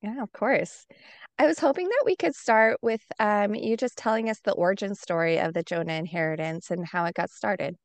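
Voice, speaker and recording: A woman's voice: medium pitch, moderate pace. A woman hosting a podcast, talking in an enthusiastic, casual way with fillers like "um", over a music bed. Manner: enthusiastic, warm praise with fillers. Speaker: podcast host. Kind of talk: casual podcast intro and interview.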